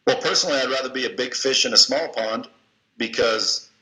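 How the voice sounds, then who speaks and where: Brisk and bright, this mid-range male voice has a forceful edge. In conversation as an interview guest, he gives motivational, coaching-style advice that's blunt and folksy, cursing casually, recorded in an echoey space.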